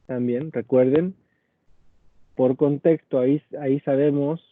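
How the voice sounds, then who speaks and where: A man's voice: mid-range voice, fairly even intonation, a little slow, dry recording. A man from Argentina, a paleography teacher giving an online lecture in a patient, explanatory way and speaking directly to his students. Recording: dry, tinny phone-like audio.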